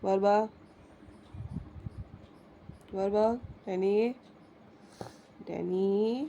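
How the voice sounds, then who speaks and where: Pet owner, female, unhurried coaxing baby talk at home, light background noise. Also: medium pitch, steady tone, warm tone, highs cut off. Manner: coaxing, sing-song, teasing questions. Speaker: pet owner talking to her dog.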